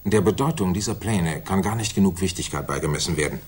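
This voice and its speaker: The low-pitched male actor, voicing a self-assured, commanding senior official in a 1960s German radio drama, talks formally and deliberately. He's animated, a little mellow and husky, and his mood comes across as grave and confidential.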